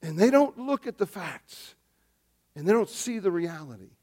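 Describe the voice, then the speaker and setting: A man preaching a sermon as pastor, swinging between loud emphasis and quiet asides. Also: high voice, very animated, normal speed.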